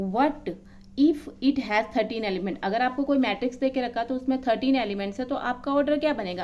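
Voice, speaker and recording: A woman's voice: a little high, darkish tone, highs cut off. A woman maths teacher explaining a lesson, counting items aloud one by one and checking in often with her students.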